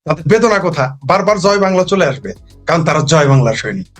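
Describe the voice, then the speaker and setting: Emphatic high-voiced man. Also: very animated, quick pace, soft background music. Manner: rhetorical, repetitive, emphatic. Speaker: political commentator. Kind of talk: impassioned political talk.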